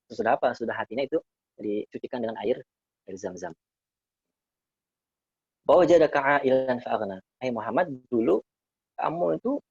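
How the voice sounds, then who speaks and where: Husky-voiced man teaching Quran verses. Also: medium pitch, no room sound. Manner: explains Arabic verses phrase by phrase, repeating key words; addresses listeners as friends, relaxed and conversational. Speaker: Islamic teacher. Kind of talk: casual Quran study talk. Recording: slightly dull lo-fi recording.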